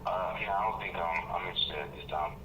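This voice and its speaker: A man's voice: deep voice, a little fast. A man heard over a landline phone call, answering briefly and politely. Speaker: call recipient. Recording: faint line noise on a tinny phone line.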